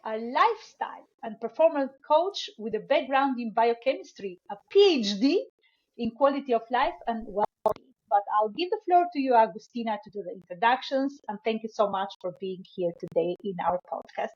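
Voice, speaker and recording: A woman hosts a podcast and asks friendly, curious questions, rephrasing herself as she goes. Her voice sits fairly high, and the recording sounds muffled and lo-fi. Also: animated, moderate pace, darkish tone. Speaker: podcast host. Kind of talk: podcast interview.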